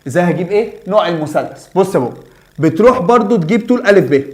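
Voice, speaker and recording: Fast-talking Egyptian man teaching math. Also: high voice, animated. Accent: Egyptian Arabic. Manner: chatty, asks and answers his own questions. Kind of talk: whiteboard math lesson.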